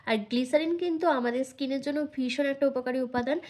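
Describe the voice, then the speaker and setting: A hoarse woman with a Bengali accent from India, giving a skincare tutorial to her viewers as a vlogger. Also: high-pitched, fairly even intonation, darkish tone. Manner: brisk, instructive, addresses viewers directly. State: hoarse from illness. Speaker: beauty vlogger.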